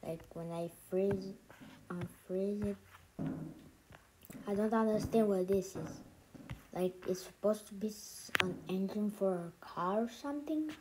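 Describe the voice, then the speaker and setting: A woman drawls slowly through a casual game showcase, speaking around something in her mouth. She rambles, hesitates and lets her sentences trail off. There is steady noise and clicking behind her voice in the recording. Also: mid-range voice. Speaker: gaming channel host.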